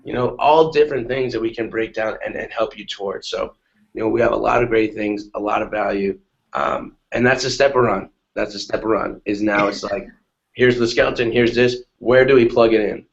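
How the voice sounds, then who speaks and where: A man in a casual motivational talk on a webinar call, energetic and repetitive, often asking "right?". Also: fairly low pitch, fairly quick, gravelly. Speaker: guest on a webinar. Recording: dull lo-fi webinar audio.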